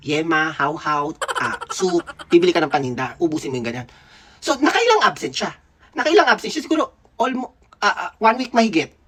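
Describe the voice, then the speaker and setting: A man in his thirties from the Philippines tells a childhood story in a casual, gossipy way. His pitch swings widely and expressively from line to line. He sounds playful, teasing and at ease. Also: sing-song, brisk, fairly bright tone. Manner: gossipy, playful, laughs often. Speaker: dentist vlogger.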